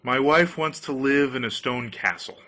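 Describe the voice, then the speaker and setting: A humble, henpecked fairy-tale fisherman, as a male narrator plays him. He sounds doleful and hesitant, in a bright voice of middling pitch. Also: normal speed, close to an everyday voice. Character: meek, reluctant, humble poor fisherman husband.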